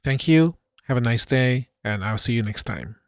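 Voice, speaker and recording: A middle-aged man hosting his own channel, calmly explaining how he makes a drink in a voice-over, with a light self-mocking touch. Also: medium pitch, moderate pace, no room sound, studio quality. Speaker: channel host. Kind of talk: voice-over narration of a drink-making video.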